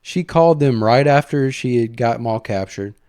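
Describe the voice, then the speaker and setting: A man hosts a casual commentary podcast, retelling a story with easygoing enthusiasm. His voice is mellow and warm, recorded dry and close with no room sound. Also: medium pitch, expressive, moderate pace, clear, resonant tone, no room sound. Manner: enthusiastic, conversational storytelling with fillers. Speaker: host.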